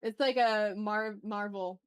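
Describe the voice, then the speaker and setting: She draws live as host of her stream, chatting in slang and muttering playfully dramatic, exasperated comments to herself. The woman's mid-range voice is smooth and steady, her pace slow, and the recording dry.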